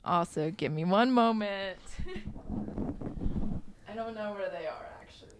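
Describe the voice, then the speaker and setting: Against a noisy background, a young woman talks fairly quickly at medium pitch. She's a podcast co-host in casual conversation, sprinkling in "like" constantly and performing quoted lines.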